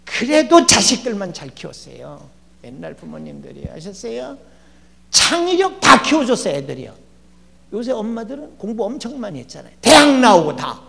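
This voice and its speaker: A gravelly older man giving a lively, humorous lecture as a guest educator in a church. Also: high voice, normal speed. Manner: lively, acts out quoted people with shouting and laughs. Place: church hall. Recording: long church hall reverb, faint hum.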